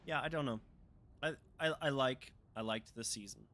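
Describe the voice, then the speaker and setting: A man's voice: medium pitch, moderate pace, fairly bright tone. A young man chatting casually on a game livestream, rambling with lots of fillers and restarts. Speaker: gaming streamer. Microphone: desk microphone. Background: game music.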